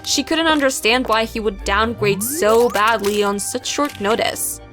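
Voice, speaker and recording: Young woman narrating an animated story. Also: a little high, a little slow, music in the background.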